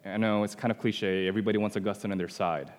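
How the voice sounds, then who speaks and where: A man's voice: on the low side, fairly even intonation, quick pace. Guy from indonesia teaching theology, emphatic, asks questions at the crowd, echoey hall. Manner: explanatory, emphatic, rhetorical questions. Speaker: theology lecturer. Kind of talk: theology lecture.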